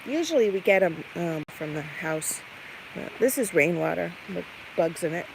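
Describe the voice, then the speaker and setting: A woman's voice: on the low side, animated, normal speed, creaky. Woman chatting casually over noisy farmyard clucking. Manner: rambling, thinking aloud while busy with chores; coos and chats to animals in questions. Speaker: livestream host doing farm chores. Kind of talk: casual chatty livestream walk-about, talking to viewers and animals. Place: farmyard, barn and chicken coop. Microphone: handheld phone or camera. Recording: noisy handheld farm recording with poultry sounds. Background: clucking chickens, rooster, farm ambience.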